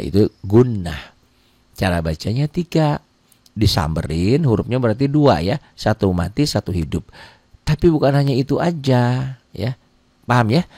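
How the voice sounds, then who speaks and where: A middle-aged man running a relaxed live Quran lesson, answering viewers and acting out short exchanges in a chatty way. His voice sits fairly low but leaps around in pitch. The recording is close and dry, with no room sound. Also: no echo. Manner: casual, chatty teaching with quick pitch jumps and acted-out dialogue. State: tired. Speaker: Quran recitation teacher.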